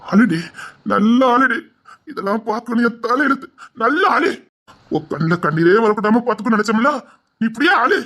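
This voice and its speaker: A woman's voice: a little high, animated, fairly quick, a bit bright. A woman playing an anguished village mother in a melodramatic drama, emotional and scolding, with a Tirunelveli Tamil accent. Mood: bitter. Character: anguished village mother guarding her baby.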